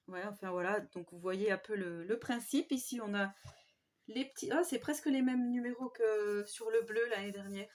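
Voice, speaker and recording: A woman at a mid pitch talks through her craft purchases in a soft, admiring way. Her speech is casual and unhurried, full of small hesitations and fillers. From France. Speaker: scrapbooking vlogger. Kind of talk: casual show-and-tell haul.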